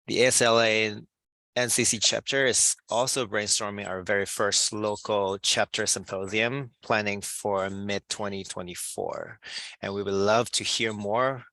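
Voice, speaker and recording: Low gravelly man making webinar announcements. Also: fairly even intonation, a little slow, bright, forceful tone, dry recording, rough recording. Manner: reads announcements, some ums. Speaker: webinar host.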